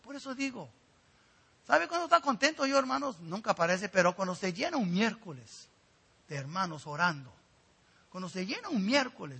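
A man delivering a sermon in a high, bright voice that climbs and falls emphasis. His tone is slightly husky. He urges his congregation directly and earnestly. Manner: preaching with rising emphasis and direct appeals to the congregation. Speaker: pastor.

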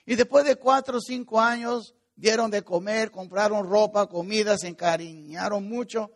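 A man preaching a sermon to a congregation, with sudden swings between loud urgency and quiet asides. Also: sits high, moderate pace. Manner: preaching with sudden rises and drops in loudness. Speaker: pastor.

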